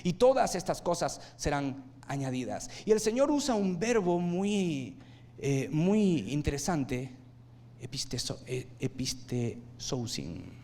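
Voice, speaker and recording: In a slow, animated sermon, a man's delivery swings from emphatic loud moments to hushed low ones, and he asks his listeners rhetorical questions.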